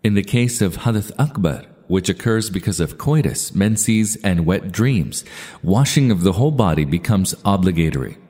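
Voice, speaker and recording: A man reading religious texts aloud with commentary in a measured, formal recitation. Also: low voice, lively intonation, warm tone, husky. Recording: long reverberant hall sound.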